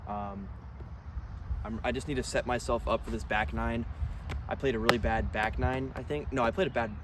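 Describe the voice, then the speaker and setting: A man's voice: mid-range voice, fairly even intonation, moderate pace. Guy w a stuffy allergy nose talking himself thru a round outside, noisy ambient recording. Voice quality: congested, stuffy-nosed sound. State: allergies, blocked nose, breathing through mouth. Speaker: disc golf player filming his round. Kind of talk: casual self-commentary while playing. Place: outdoors on a disc golf course.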